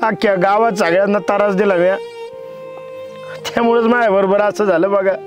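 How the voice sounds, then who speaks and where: A remorseful village father, played by a man, pleading in plain rustic speech. His voice sits high. Faint music plays behind him. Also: fairly even intonation, fairly quick, natural voice. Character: remorseful village father whose daughter eloped.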